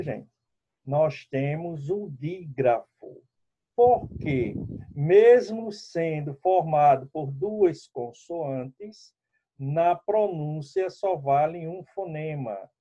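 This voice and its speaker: Slow, dark-voiced male teacher. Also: fairly high pitch. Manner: explanatory, addresses students directly. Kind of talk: classroom lesson. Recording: dull lo-fi recording.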